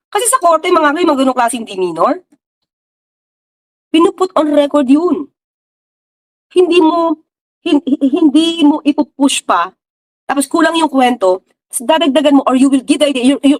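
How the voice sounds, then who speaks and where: A woman's voice: high-pitched, lively intonation, normal speed, pauses often. A woman giving casual political commentary, talking straight to her viewers with rhetorical questions and English mixed in. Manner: mixes English into her talk.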